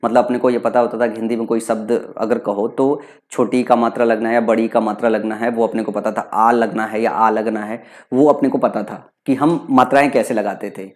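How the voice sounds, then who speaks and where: A young man from Bihar, India, with a Bihari Hindi accent, speaks on the low side in a steady tone, fairly quickly and with hardly any pauses. In this exam prep lecture he teaches English vocabulary, explaining and repeating terms and often answering his own questions.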